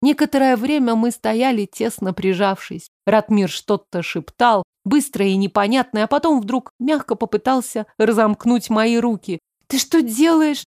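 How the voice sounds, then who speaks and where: A woman's voice: a little high, normal speed, hardly any pauses, darkish tone, dry recording, clean studio sound. A woman reading a first-person story aloud as an audiobook narrator, expressively. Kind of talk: scripted narration.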